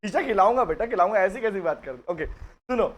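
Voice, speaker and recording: A man's voice: sits high, animated, a little fast, lo-fi sound. A man teaching company law in a live online class, chatty and teasing with his students.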